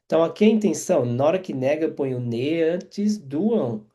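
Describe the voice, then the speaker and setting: A man's voice: on the high side, expressive, mellow, highs cut off. A man teaching French grammar, explaining each example and checking in with listeners as he goes. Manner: repeats and checks in with quick tags.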